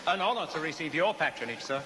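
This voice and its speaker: A menacing London barber, played by a man, formal and theatrical, with a somewhat high voice. The stage recording carries a long reverb and clear noise. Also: lively intonation, quick pace, lightly acted. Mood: obsequious. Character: menacing, vengeful London barber feigning courteous humility. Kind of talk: theatrical stage-musical dialogue.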